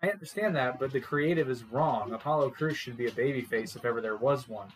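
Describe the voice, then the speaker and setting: A man co-hosting a podcast, chatting casually about wrestling in a joking, animated way. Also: medium pitch, fast talker, a little hiss or hum, rough recording. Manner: joking, animated, laughs often. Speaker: podcast co-host.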